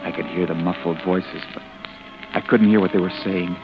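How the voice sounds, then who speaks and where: An actor playing a panicked young man hiding after a killing, narrating his dread in a tense, often hushed inner monologue. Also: low-pitched, fairly even intonation, normal speed, music in the background. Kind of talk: 1940s radio drama narration. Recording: dull old radio broadcast.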